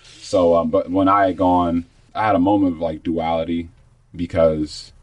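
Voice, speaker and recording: Deep, husky man telling stories. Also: flat delivery, moderate pace, darkish tone, dry recording, lo-fi sound. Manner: chatty, acts out quoted speech. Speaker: foundation guest. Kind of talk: casual interview storytelling.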